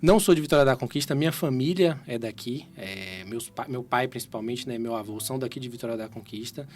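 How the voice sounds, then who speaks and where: Guy in his 30s, cardiologist guest, explains careful and slow, lots of "né", restarts a lot. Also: mid-range voice, darkish tone. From Salvador, Brazil. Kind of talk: interview explanation.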